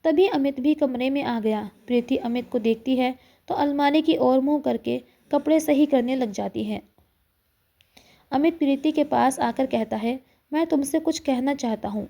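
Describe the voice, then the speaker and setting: High, mellow woman telling a story. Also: measured pace, creaky. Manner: steady, expressive reading. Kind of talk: emotional story narration.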